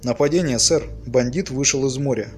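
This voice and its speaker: An alarmed sailor reporting in a storybook, loud and agitated, his voice pushed higher, as a male narrator puts him on. He speaks in quick, excited bursts. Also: soft background music, natural voice.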